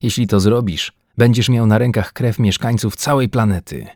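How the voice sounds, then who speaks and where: A man's voice: on the low side, moderate pace, darkish tone, no echo, studio quality. A man voicing an agitated, frightened Earthman scientist in a science-fiction audiobook, pleading and near-hysterical. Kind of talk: audiobook character voice.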